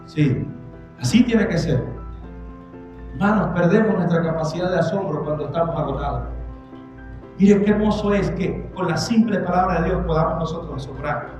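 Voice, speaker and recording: A man's voice: on the high side, normal speed, a little mellow, lo-fi sound. A man preaching a sermon as pastor, emphatic, repeating his points and calling out to the congregation. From Venezuela. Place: church. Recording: echoey church hall with music behind.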